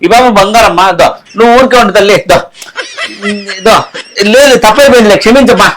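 A man's voice: high voice, quick pace, a bit bright, a little hiss or hum. A man acting a flustered husband in a comedy skit, rambling and stammering excuses while pleading with his crying wife.

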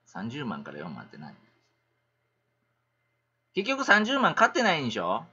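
A middle-aged man with a Kansai accent, chatting on a casual livestream in an animated, rambling, ranting way. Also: medium pitch, moderate pace, husky, highs cut off.

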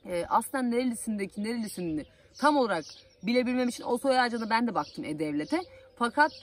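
A woman's voice: fairly high pitch, expressive, quick pace. A young woman from Aydın with an Aegean Turkish accent, a TV field reporter chatting casually as she answers followers' questions with plenty of fillers. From Aydın, Turkey. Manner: chatty, homely, loose with fillers.

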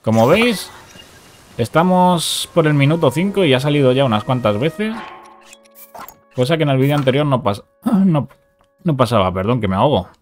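A man's voice: medium pitch, big pitch swings, normal speed, long pauses, faint music behind. Man narrating a game glitch. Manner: talks through steps, repeats short commands. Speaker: gaming youtuber. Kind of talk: casual game tutorial commentary.

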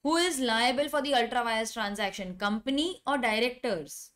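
Indian lady teacher doing an online lecture, kinda high voice, says key stuff twice, really emphatic. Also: moderate pace, fairly bright tone. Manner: emphatic, repeats key phrases. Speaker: law teacher. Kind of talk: live online lecture with direct questions to students.

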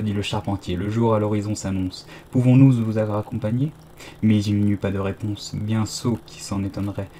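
A man's voice: on the low side, slight background noise. A man reading a children's storybook aloud, lifting his voice for the quoted lines. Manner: reads dialogue with raised, louder quotes. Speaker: audiobook reader. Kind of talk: storybook narration.

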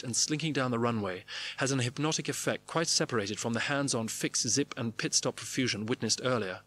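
A man's voice: medium pitch, fairly bright tone. A man narrating his own diary entries in clipped, wry phrases. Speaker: narrator reading his diaries. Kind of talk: scripted memoir narration.

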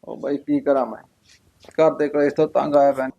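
An actor playing a younger brother who has been drinking and complains tearfully about quarrels at home. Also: male voice, medium pitch, fairly even intonation, a little fast, gravelly, warm tone, close to an everyday voice, rough recording. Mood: complaining. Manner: complaining, weepy. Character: tipsy, self-pitying younger brother fed up with home quarrels.

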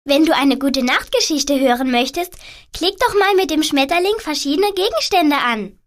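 A woman's voice: high voice, lively intonation, normal speed. A woman voicing a friendly game helper who gives the player hints. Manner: instructive, addressing the player. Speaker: game guide. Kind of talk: scripted game instructions.

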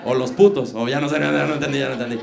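A man's voice: mid-range voice, fairly even intonation, racing, gravelly. A young man with a Mexican accent doing stand-up comedy on a club stage, mocking and teasing the audience in slangy speech. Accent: Mexican Spanish. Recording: echoey club room, crowd audible.

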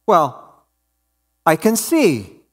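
A hushed, marveling woman, as a male preacher puts her on. She speaks slowly in a raised, light voice. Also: fairly high pitch, wildly swooping pitch, full character voice. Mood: wondering. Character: wondering woman finding warmth. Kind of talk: sermon storytelling.

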